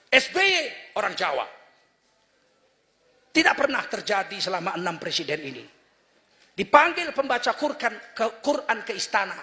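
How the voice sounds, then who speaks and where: A middle-aged man from Indonesia preaching a sermon, animated and mocking, mimicking accents and recitation styles. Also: high voice, moderate pace, pauses often.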